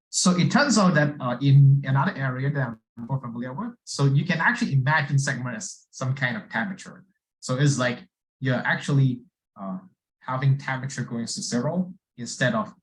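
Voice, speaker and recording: A man offers off-the-cuff technical commentary as an academic questioner. His voice sits at a medium pitch, and he talks informally and haltingly, building his point in pieces and checking for agreement. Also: rough recording.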